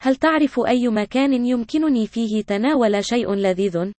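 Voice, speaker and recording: A woman's voice: fairly high pitch, moderate pace, darkish tone, no room sound. A woman narrating a language lesson with scripted example sentences for learners.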